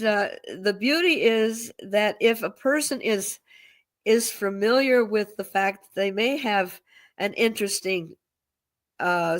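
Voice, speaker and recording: A woman co-hosting a casual chat, speaking reflectively and often repeating words as she gathers her thoughts. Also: medium pitch. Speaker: co-host.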